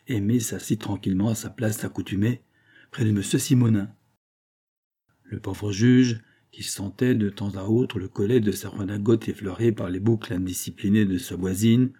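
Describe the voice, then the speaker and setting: A man narrating a classic novel for an audiobook in a measured, even reading. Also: lowish voice, husky.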